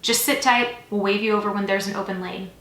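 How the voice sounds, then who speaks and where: A woman's voice: mid-range voice, fairly even intonation, quick pace, fairly bright tone, natural voice. A woman voicing a firm, practical male police officer in a story, giving instructions. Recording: echoey, roomy sound.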